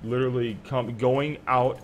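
A man's voice: medium pitch, fairly even intonation, normal speed, muffled recording, slight background noise. A young man streaming an online survival game, chatting casually with teammates; he is sleepy, profane and trash-talking, and he rambles through stories.

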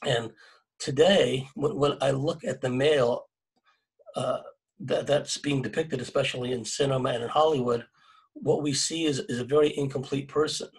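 Gravelly, husky middle-aged man exhorting. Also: mid-range voice, steady tone, moderate pace, low-quality recording. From California, USA. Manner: earnest and exhorting, many restarts, tag questions. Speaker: panelist. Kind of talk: panel discussion over video call. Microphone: webcam mic on video call.

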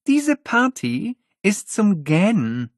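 A man's voice: sits high, big pitch swings, normal speed, vocal fry, slightly rough, no echo, voice pushed up, heavily acted. A man doing Holly, a bored sarcastic schoolgirl. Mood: scornful. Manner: dry, scornful, sighing.

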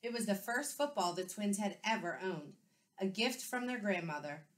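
A woman teacher reading a picture book aloud to her young class, clear and expressive. Her voice sits at an ordinary middle pitch, and she narrates the story at a steady, friendly storytelling pace. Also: normal speed. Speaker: second-grade teacher. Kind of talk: children's book read-aloud.

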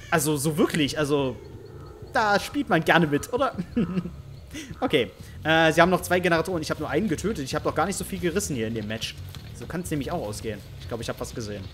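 A man's voice: fairly high pitch, lively intonation, fast talker, a bit bright, faint music behind. A man giving playful, teasing let's-play commentary over a horror game, mock-taunting the characters he hunts. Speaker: gaming YouTuber.

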